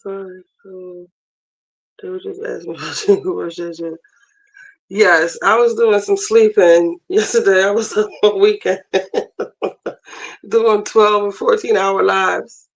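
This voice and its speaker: A woman with a hoarse voice chatting casually on a livestream while she cooks in her kitchen. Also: medium pitch, rough recording. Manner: chatty, multitasking while cooking. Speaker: livestream host. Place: home kitchen, running water. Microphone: phone camera.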